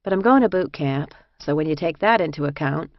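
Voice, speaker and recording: A woman's voice: sits low, expressive, brisk, dry recording, highs cut off. A woman voicing a friendly young female inmate who chats casually and reassures a newcomer. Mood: chatty.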